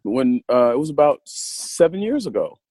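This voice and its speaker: A man's voice: medium pitch, big pitch swings, normal speed, dark tone, no echo, poor audio. A man telling stories bluntly in a casual chat, swearing and saying "dude". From United States.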